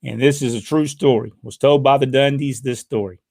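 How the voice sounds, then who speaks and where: A man's voice: medium pitch, fairly even intonation, fairly quick, vocal fry, a little mellow. An older man with a drawl spins rambling, folksy stories, leaning on plenty of "uh"s as he goes. His voice is captured up close and dry, with no room echo at all. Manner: folksy storytelling with frequent uh fillers. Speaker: podcast host reading viewer questions. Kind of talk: casual chat.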